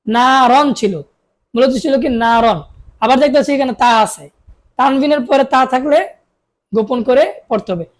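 Slow, drawling woman Quran reading teacher. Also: high voice. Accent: Bangladeshi Bengali. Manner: spells syllables slowly then drawls them out, asks and answers herself. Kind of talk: spelling-out recitation lesson.

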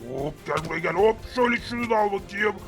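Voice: medium pitch, lively intonation, quick pace, creaky, faint music behind. A performer voicing a mocking, boastful ghostly villain in a game story who bows to his master. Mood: mocking menace. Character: menacing ghostly game villain, now servile.

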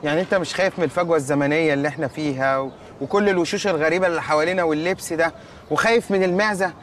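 A man's voice: on the high side, rapid-fire, a bit bright, a little hiss or hum, close to an everyday voice. An actor with an Egyptian accent playing a sarcastic, bossy young man in a comedy series.

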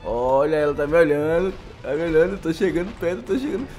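A Brazilian man giving casual gameplay commentary, excitable and often laughing, talking straight to his viewers. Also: a little high, fast talker, faint music behind. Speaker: gaming YouTuber.

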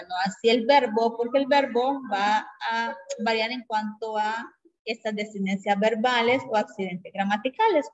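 High-voiced woman teaching grammar. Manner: explains patiently, checks in with a frequent tag question. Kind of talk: grammar lesson to a class. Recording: dull lo-fi recording.

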